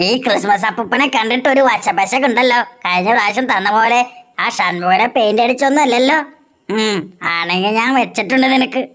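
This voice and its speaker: A woman's voice: on the high side, brisk, fairly bright tone, close to an everyday voice. A woman voicing a grumbling, comic uncle. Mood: scolding. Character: grumbling uncle Gopa, a man.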